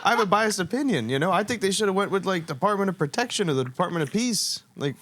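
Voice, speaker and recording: A man's voice: sits high, lively intonation, quick pace. A man in casual podcast banter, giving short reactions and laughing along. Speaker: podcast co-host. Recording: noisy background.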